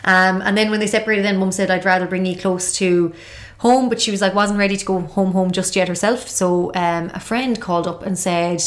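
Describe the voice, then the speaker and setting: A woman's voice: mid-range voice, steady tone, brisk, hardly any pauses. A woman with a west of Ireland accent, telling stories about herself in a chatty, rambling way as an interview guest. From Ireland, born in Dublin and raised in Galway. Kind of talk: casual autobiographical chat.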